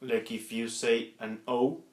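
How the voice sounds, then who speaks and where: A man giving an instructional demonstration, explaining step by step in a halting way with repeated words. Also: medium pitch, level tone, very noisy. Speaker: instructor demonstrating body percussion sounds. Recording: echoey room.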